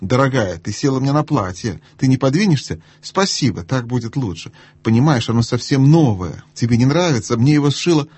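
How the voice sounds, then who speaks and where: A man's voice: mid-range voice, animated, brisk, hardly any pauses, darkish tone, slightly rough, no room sound. Man putting on a giggly, gushing young noblewoman. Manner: gushing, languid, fussing over trifles. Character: giggly, chattering young noblewoman, vain and careless.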